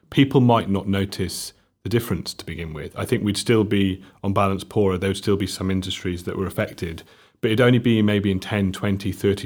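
A young South Welsh man with a South Welsh accent speaks as a panel guest, explaining economics in a measured way that stumbles and restarts. His voice is low.

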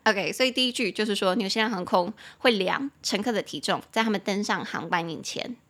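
This young woman's voice is mid-range and a little bright as she runs her English-teaching podcast. She keeps things casual and laughs a lot, pausing to spell certain words slowly, letter by letter.

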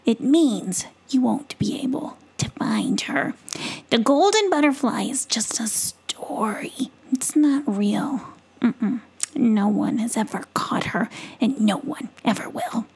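Storybook mother possum, stern doubter, breathy slow whisper, put on by a woman narrator. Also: a little high, expressive, exaggerated voice, rough recording. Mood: dismissive. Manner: soft whispered scolding.

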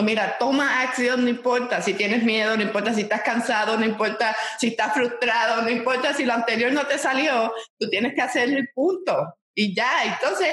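Emphatic entrepreneur woman, roomy sound. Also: fairly high pitch. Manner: emphatic, forceful, no-excuses tone. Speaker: entrepreneur guest. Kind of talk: interview answer.

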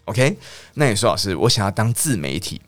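A man teaching an English lesson, chatty, asking his listeners questions and repeating words slowly. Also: on the low side, very animated, fairly bright tone, no room sound, faint music behind. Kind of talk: lively lesson.

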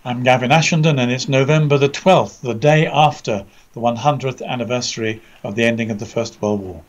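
A man with an English accent giving conversational news commentary over an internet call, measured and articulate, often repeating words as he searches for the next. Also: medium pitch, lo-fi sound, slight background noise. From Britain. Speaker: commentator, co-presenter. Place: indoors under a roof, remote audio call.

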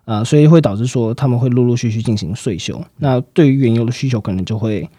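Fast-talking man analyzing markets. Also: mid-range voice, mellow, breathy edge, dry recording, clean studio sound. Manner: fast explanatory, frequent fillers and sentence-final particles. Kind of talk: financial commentary chat.

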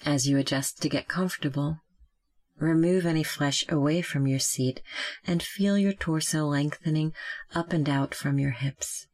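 A meditation guide with a mid-range voice speaks gently and calmly, giving slow, measured instructions separated by long pauses.

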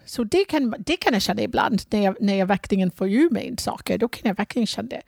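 A woman chatting casually in a lively, encouraging way, often agreeing with her friend. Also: medium pitch, creaky, no room sound, clean studio sound. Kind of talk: casual chat.

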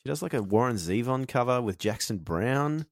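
Low gravelly aussie guy, chill podcast chat, lots of ums, dry sound. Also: expressive, moderate pace, no echo. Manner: laid-back, swearing, fills with um. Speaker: podcast co-host. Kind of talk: casual banter.

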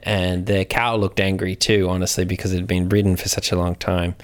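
A man's voice: low voice, level tone, brisk. A man co-hosting a comedy show, playfully riffing along with an improvised story. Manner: playful, goes along with the bit. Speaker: podcast co-host.

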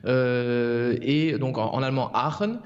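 A man talking in a relaxed, joking way as a regular guest on a casual podcast, often halting with fillers. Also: mid-range voice. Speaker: regular columnist. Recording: dull lo-fi sound with long reverb.

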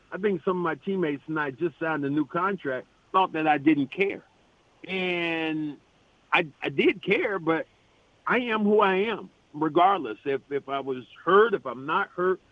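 A man in his sixties calls in to tell lively stories about his playing days. His voice sits fairly high and the delivery keeps tumbling forward with restarts. The sound is dry and squeezed into a tinny phone band. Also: no room sound. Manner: animated anecdotes, frequent restarts, laughing. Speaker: guest, retired basketball player and author. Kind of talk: storytelling in a radio interview.

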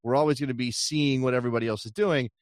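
A man hosting a casual sports chat, telling things in an animated way with rhetorical questions and asides. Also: mid-range voice, racing, dry recording, clean studio sound. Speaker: podcast host.

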